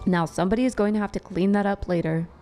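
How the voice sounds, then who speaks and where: A woman's voice: medium pitch, quick pace, mellow, natural voice. Woman doing a stern fed-up guy leading the group, chiding, storybook reading. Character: exasperated young man, team leader.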